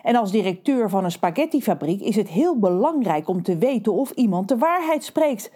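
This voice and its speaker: A woman's voice: medium pitch, expressive, moderate pace, dark tone, lightly acted. A woman voicing a stern mother who runs a factory and questions people strictly. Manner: stern, commanding.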